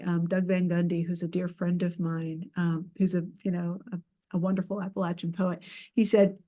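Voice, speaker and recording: A woman's voice: fairly low pitch, creaky, mellow. A woman author with a Southern accent from Georgia speaking reflectively on a panel, with some hesitations. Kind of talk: panel discussion.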